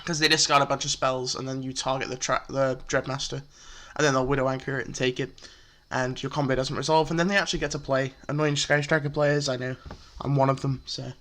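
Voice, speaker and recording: A man's voice: medium pitch, flat delivery, a little fast, few pauses, pushed and bright. A man casually walking through a card game deck, chatty and full of fillers, explaining step by step. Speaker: deck profile presenter.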